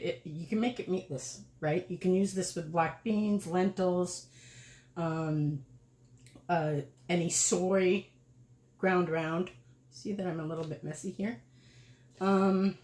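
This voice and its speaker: A woman's voice: mid-range voice, echoey room. A woman hosting a casual cooking livestream, chatting and rambling as she cooks and laughing often. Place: home kitchen.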